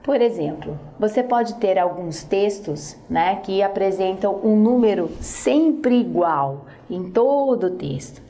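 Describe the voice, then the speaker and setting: A woman's voice: mid-range voice, lively intonation, slow, hardly any pauses, dark tone. A woman teacher explaining poetry scansion in a recorded lesson, speaking straight to the student and often checking in with short tag questions.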